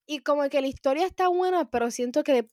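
High pitched puerto rican girl, 20s, slangy spanglish, sweary casual chat, super dry audio. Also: fast talker, darkish tone, no room sound. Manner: Spanglish, mixes English words into Spanish.

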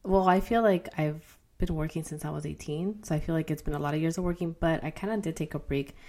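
A woman in her thirties with a notably low voice, talking easily as a podcast co-host. Her talk is loose and chatty, and she laughs readily as she tells stories. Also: steady tone, fast, mellow. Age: 30s. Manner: chatty, laughs easily, acts out her past self in raised voice. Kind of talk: casual chat.

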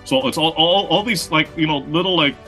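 A man speaks a little high and a little fast, his voice pushed and bright over faint background music on a rough recording. He's a marketing consultant appearing as a guest, Austrian-born but raised in the Philippines, and he answers interview questions conversationally with long explanations, restarting often and tagging on "right?" again and again.

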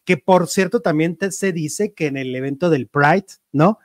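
A man with a Mexican accent hosting a casual celebrity gossip chat, lively and talkative. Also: on the high side, moderate pace, no echo, clean studio sound. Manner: chatty, lively, reads viewer messages aloud. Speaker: show host.

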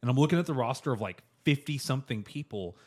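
A man's voice: mid-range voice, animated, fast, darkish tone. A young man hosting a casual podcast chat, rambling with lots of fillers and frequent laughs. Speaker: podcast host.

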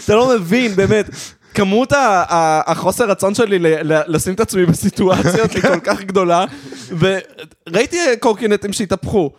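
A man chatting as a podcast guest, telling stories with many restarts and laughs. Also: high-pitched. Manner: hesitant, restarting, laughing storyteller. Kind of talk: casual chat.

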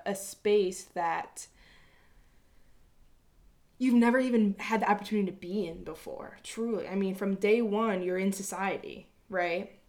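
A woman's voice: mid-range voice, darkish tone. A woman talking to her viewers in a reflective personal monologue, earnest and rambling, with casual swearing. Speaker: vlogger.

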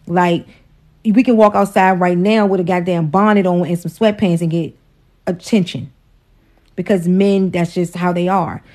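A woman's voice: lowish voice, dark tone. Outspoken woman in her forties. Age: 40s. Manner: outspoken, profane, preachy, teasing. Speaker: host, wife. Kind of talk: casual livestream relationship talk.

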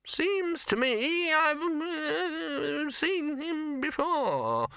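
A quavering ancient wizard. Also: male voice, extremely high pitch, big pitch swings, very slow, pushed and bright, no echo, clean studio sound, voice pushed up, full character voice. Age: older. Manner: querulous, creaky, confused. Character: very old deaf quavering male wizard.

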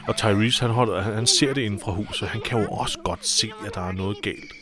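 A man co-hosting a podcast who retells TV episode events in casual, animated chat. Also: fairly low pitch. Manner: animated storytelling, plot retelling. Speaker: podcast co-host. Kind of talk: casual chat recapping a TV series.

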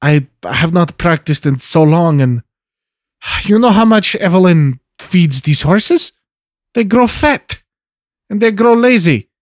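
Earnest young woman, guy putting her on, raised pitch, pushy and pleading, formal talk in a tabletop game. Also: expressive, takes it slowly, no echo, clean studio sound. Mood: coaxing.

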